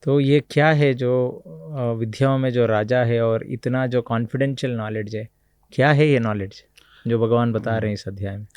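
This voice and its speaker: A man's voice: mid-range voice, fairly even intonation, moderate pace, a little mellow, smooth, dry recording. Man asking teasing questions in an interview. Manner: playfully challenging questions, frequent listening sounds. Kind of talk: casual interview.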